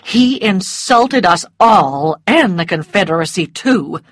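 A stern society matron, played by a woman reader, scolds in an imperious, forceful voice. She speaks slowly into a dry, close microphone. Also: on the high side, big pitch swings, breathy edge, no echo, pitched above the performer's own voice, heavily acted. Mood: indignant.

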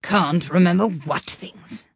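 A woman voicing a languid, stern and contemptuous caterpillar in a slow, sleepy drawl. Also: on the low side, slightly rough, no echo, clean studio sound, exaggerated voice. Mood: curt, stern.

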